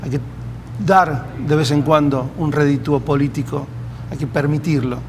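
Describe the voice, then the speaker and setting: A man whose first language is Hebrew, speaking as a community-building expert, thoughtful and pausing with fillers. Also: on the high side, fairly even intonation, a little hiss or hum. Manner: thoughtful, hesitant fillers, practical examples. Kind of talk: reflective interview answers.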